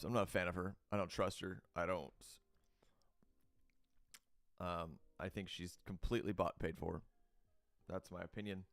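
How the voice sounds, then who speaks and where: A man with a fairly low voice reads crypto news aloud as the host of his own show. Between passages he breaks into blunt, opinionated rants, talking loosely with fillers and restarts. The recording is dry and close, with no room sound. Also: a bit bright, dry recording.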